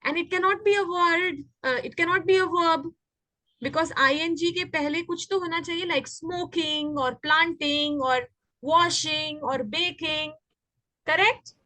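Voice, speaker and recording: Speaking in a very high, bright, forceful voice at a brisk clip, a woman with an Indian accent teaches children English grammar in an online class. She explains points and often asks questions to check they understand. There is no room sound.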